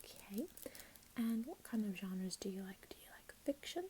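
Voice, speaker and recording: A woman playing a helpful, chatty librarian in a whispered role-play, speaking in a gentle, unhurried library whisper. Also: medium pitch, animated, slight background noise, lightly acted. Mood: friendly, attentive. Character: helpful, chatty female librarian signing up a patron.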